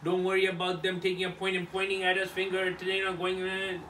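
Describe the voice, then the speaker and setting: Speaking fast in a high, bright, forceful monotone, a leader fires up his team with a motivational talk, hammering home short repeated phrases. The echoey locker-room audio is roomy and picked up by a distant mic, with noise in the background.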